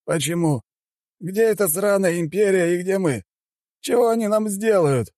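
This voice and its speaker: A man's voice: fairly high pitch, moderate pace, no room sound, studio quality, voice pushed up, lightly acted. A man voicing an arrogant, scornful male head of state in an audiobook, mocking and dismissive. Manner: mocking, dismissive, shouting at times. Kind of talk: audiobook character voice.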